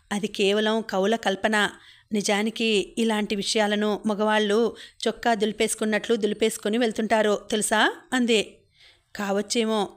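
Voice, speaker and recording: A woman narrating a novel as an audiobook, voicing every character in her own voice. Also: medium pitch. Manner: even, flat delivery, voicing all characters in her own voice. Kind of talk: reading a novel aloud.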